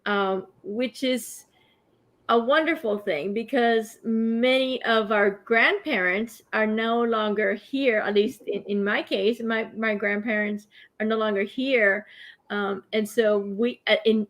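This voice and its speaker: A middle-aged woman from Cuba interviewing a guest in a casual conversation, halting often to search for words. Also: on the high side, steady tone, a bit bright. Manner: halting, searching for words with many ums and restarts.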